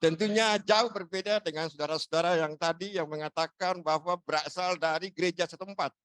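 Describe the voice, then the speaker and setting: A man from Ambon speaks at a church fellowship gathering with a high voice, earnest and preacherly. He lifts his delivery when quoting scripture. The sound is dry and close. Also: fairly even intonation, a little fast, a bit bright, smooth, no echo. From Ambon, Indonesia. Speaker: church member sharing. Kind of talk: sermon-style sharing.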